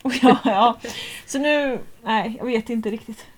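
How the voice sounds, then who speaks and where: A woman in her thirties chatting casually as a podcast co-host, animated, laughing often and swearing freely. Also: fairly high pitch. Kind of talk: casual chat.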